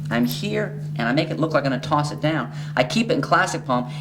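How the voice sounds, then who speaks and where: A man's voice: on the high side, animated, fairly quick. A man talking in card magician patter, explaining a trick step by step in a conversational way as he demonstrates it. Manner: conversational, demonstrating as he talks, broken-off phrases. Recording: clearly noisy, humming background.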